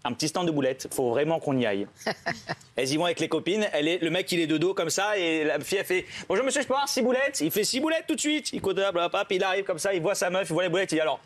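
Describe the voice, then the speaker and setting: A young male comedian with a notably high voice works through a run of stand-up jokes. He acts out every character's lines himself, jumping his pitch up or down for each one as he tells the story. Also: lively intonation. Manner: quick joke delivery, acts out characters' lines with shifting pitch. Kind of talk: stand-up joke telling.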